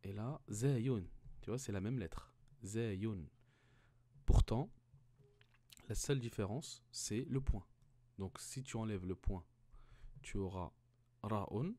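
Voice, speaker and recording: A man walks learners through reading, one letter at a time, slowly and patiently. His voice sits a little low, and he repeats each syllable several times. The recording is dry and close, with no room sound. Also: dark tone, no echo. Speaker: Arabic reading teacher. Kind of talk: slow step-by-step reading lesson.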